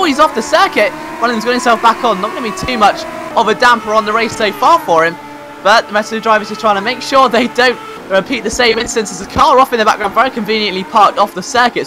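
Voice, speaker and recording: High-voiced, fast-talking male motorsport commentator. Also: background noise. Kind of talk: live race commentary.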